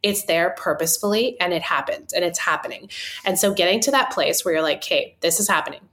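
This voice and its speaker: A woman's voice: lowish voice, fast, fairly bright tone. A woman in casual conversation, speaking in an encouraging, spiritual way with many fillers. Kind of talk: casual chat.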